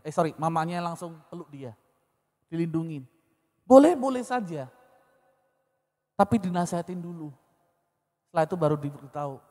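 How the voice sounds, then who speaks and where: A pastor preaching a conversational sermon with personal stories, with an Indonesian accent from Medan. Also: male voice, high voice, in a large hall.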